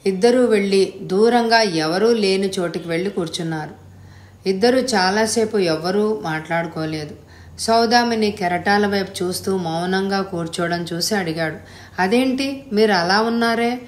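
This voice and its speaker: A woman reads a story aloud with a steady, even delivery at a middle pitch. The recording is roomy, and her voice echoes off the walls. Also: moderate pace. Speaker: audiobook narrator. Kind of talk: storybook narration. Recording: echoey room.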